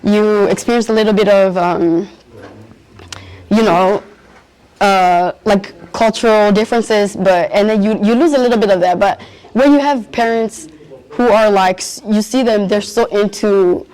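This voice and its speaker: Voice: medium pitch, unhurried, darkish tone, smooth, poor audio. A young adult, answering interview questions earnestly and searching for words. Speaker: youth interviewee at a community event.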